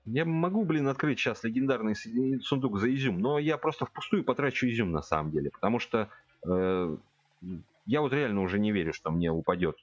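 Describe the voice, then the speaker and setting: A game streamer in his forties chats casually with viewers from a home computer room, thinking out loud and addressing his chat directly as he plays. His medium-pitched voice is brisk with lively intonation. The audio is dull, with no room sound.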